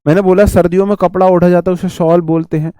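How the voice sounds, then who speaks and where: A man's voice: high voice, little pitch movement, fast, warm tone, no echo. A man teaching vocabulary in an online exam-prep class, chatty and repetitive, explaining words with homely examples and calling viewers his brother.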